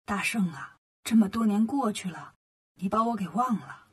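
A woman voicing a gentle old male earth god in a storybook, who speaks slowly and coaxingly. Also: animated, husky. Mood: confiding. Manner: slow, coaxing, lowered voice.

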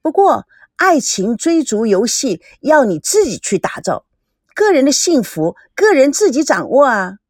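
A woman reading an audiobook puts on the voice of a chatty teenage little sister who thinks she knows it all. The exaggerated voice is highish and bouncy, coaxing and lively, yet earnest and delivered at a measured pace. The recording is dry and close, with no room sound.

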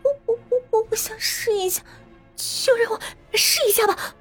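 A woman voicing a petulant, greedy schoolgirl who stammers and shouts high and loud. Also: fairly even intonation, moderate pace, soft background music. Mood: pleading. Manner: stammering, shrill and insistent. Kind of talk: storybook narration.

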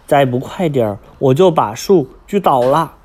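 A man's voice: mid-range voice, animated, moderate pace, darkish tone, close to an everyday voice. A man voicing a cruel, sly male fox who threatens in a storybook reading. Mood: menacing. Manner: menacing, threatening.

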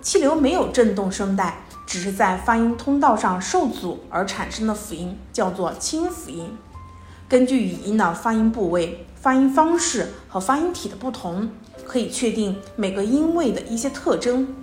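A woman's voice: fairly high pitch, normal speed. A woman giving a recorded psychology lecture, explaining step by step with small fillers between points. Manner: steady explanatory delivery with verbal fillers. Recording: echoey room with faint music.

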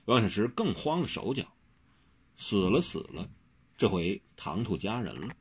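A man reading a martial-arts novel aloud with a dramatic, lively delivery. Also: fairly low pitch, a little slow, slightly rough. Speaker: narrator. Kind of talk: expressive storybook reading.

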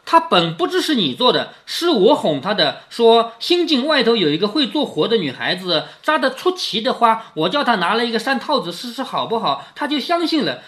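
A man reading an old classic to his daughter, pausing after each passage to put it in everyday words. His voice rises and falls a great deal as he talks, and he keeps checking in with little questions, the tone of an informal family lesson. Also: high voice, bright, forceful tone. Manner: paraphrases each quoted passage in plain words. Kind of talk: casual retelling and explaining of a classic novel.

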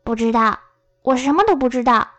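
A soft, hoarse storybook scarecrow, as a woman puts him on. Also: fairly high pitch, animated, fairly quick. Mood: wondering. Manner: soft and friendly. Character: straw-stuffed scarecrow, gentle, friendly, hoarse. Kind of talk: storybook reading.

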